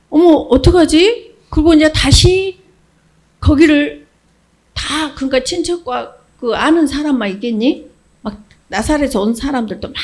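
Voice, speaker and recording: Woman pastor telling a bible story to kids, high pitched, super animated, keeps asking them questions. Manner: animated storytelling, acts out characters, asks children questions. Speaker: children's pastor. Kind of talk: children's sermon.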